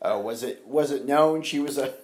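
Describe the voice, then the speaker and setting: A man interviewing casually, answering with quick agreeing reactions. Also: medium pitch, echoey room. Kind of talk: casual chat.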